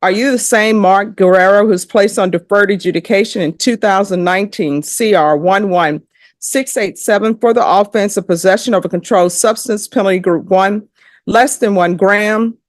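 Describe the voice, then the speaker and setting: Firm woman judge, dry courtroom sound, plain mid-pitched voice, stern and direct. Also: dry recording. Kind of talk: presiding over a court hearing.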